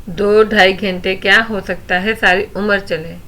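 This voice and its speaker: A woman's voice: mid-range voice, steady tone, sharp tone, lightly acted. A woman voicing a mischievous, teasing young best friend in a read-aloud novel.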